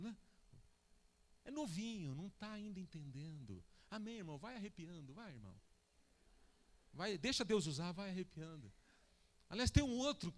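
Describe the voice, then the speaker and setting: A Brazilian man preaching a sermon as pastor, telling stories and acting out the people in them. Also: high voice. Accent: Brazilian Portuguese. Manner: animated, acts out the people in his stories. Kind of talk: sermon with storytelling.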